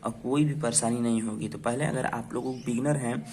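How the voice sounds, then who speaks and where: A man teaching English reading to beginners, spelling out words letter by letter, asking quick questions and answering them himself. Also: mid-range voice, steady tone, mellow, slight background noise. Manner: repetitive, checks in with "ठीक है" and quiz questions. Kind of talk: phonics lesson for beginners.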